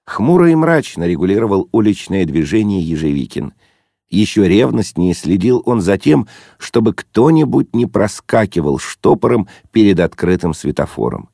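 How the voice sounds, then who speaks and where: Gravelly low male story reader. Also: big pitch swings, moderate pace, dark tone, no echo, clean studio sound. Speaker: narrator. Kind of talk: literary story reading.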